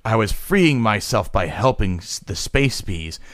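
A man with a low, fairly deep voice reads a short story aloud, slow and deliberate, now and then tripping over a word and correcting himself. The sound is close and dry, with no room echo. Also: very animated. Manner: slow, measured reading with occasional stumbles. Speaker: podcast co-host reading a story aloud.

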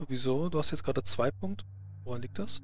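A man's voice: mid-range voice, fairly quick, crowd noise. A man narrating a tabletop role-playing game as game master, searching for his descriptions. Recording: slightly muffled mic with faint noise.

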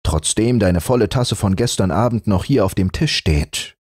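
A man voicing a mother in a fairy tale audiobook, gently scolding. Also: lowish voice, expressive, normal speed, breathy edge, no echo, studio quality. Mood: fondly chiding.

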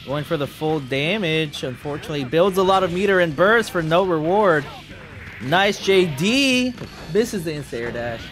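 A man doing live esports play-by-play, rattling off moves and combos in quick bursts. His voice sits a little high, and his excitement spikes on the big plays. Soft music plays faintly under the commentary. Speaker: fighting game commentator.

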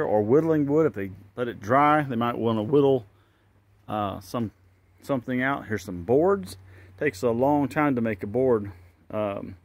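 A man with a medium-pitched voice gives a casual walk-and-talk tour of an open-sided wooden barn outdoors, thinking aloud and unsure of what he's looking at. He records it on a handheld phone camera, and there's no room sound.

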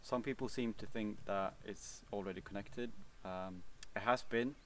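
A young man with a Swedish accent answers viewer questions outdoors in a relaxed, hesitant way, with many fillers and restarts. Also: lowish voice, moderate pace, recorded from a distance, slight background noise. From Sweden. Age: young adult. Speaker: vlogger. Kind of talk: casual Q&A answers. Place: outdoors, seated on a cabin bench by woods.

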